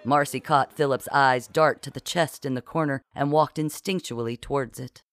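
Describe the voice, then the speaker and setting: An audiobook narrator reading a comic pirate story in a lively, playful way. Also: medium pitch, normal speed.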